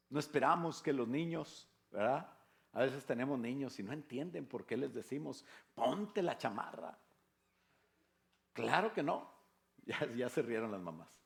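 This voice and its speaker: A man's voice: fairly high pitch, vocal fry. An older man with a Mexican Spanish accent, a pastor preaching a sermon in a conversational way, with rhetorical questions and jokes. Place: church.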